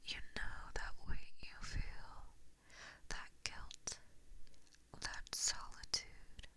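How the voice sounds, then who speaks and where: Close to a binaural mic, a woman whispers softly and breathily as an evil, possessive giant fox spirit in a slow ASMR roleplay. Her exaggerated voice carries mockingly sweet menace, gloating and threatening.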